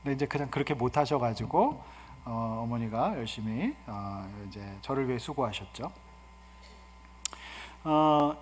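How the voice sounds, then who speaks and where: A male guest pastor giving an animated, humorous sermon and asking the congregation questions. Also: medium pitch, a little hiss or hum. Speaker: guest pastor and seminar speaker. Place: church sanctuary. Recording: reverberant church hall.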